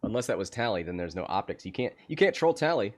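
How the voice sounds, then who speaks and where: A man doing casual game commentary on a livestream, laughing often and getting excited. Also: lowish voice, quick pace.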